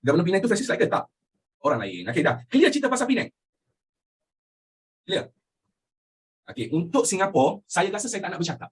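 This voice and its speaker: Animated Malaysian male history teacher. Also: high-pitched, brisk, pauses often, slightly rough. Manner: animated, asks students questions constantly, mixes in English phrases. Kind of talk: lively classroom lecture.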